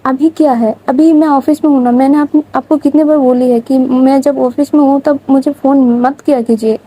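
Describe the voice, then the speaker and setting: Woman as a stern young female boss, quick scolding delivery, high pitch, dark tone. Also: fairly even intonation, lightly acted, rough recording. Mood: impatient. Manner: scolding, rapid and impatient.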